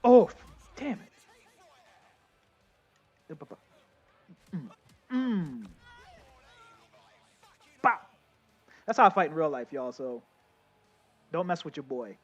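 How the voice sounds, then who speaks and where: A young man giving casual, excitable live commentary while playing a game, talking straight to his chat. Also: a little high, very slow, long pauses, dull audio. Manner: chatty, excitable, addresses chat as y'all. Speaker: game streamer.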